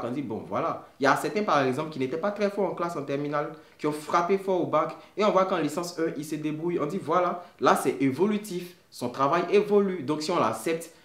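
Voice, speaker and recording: A man's voice: fairly high pitch, a bit bright. A man giving casual vlog advice, checking in with viewers as he explains. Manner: conversational, checks in with viewers often. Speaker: study-abroad consultant. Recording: roomy echoey room sound.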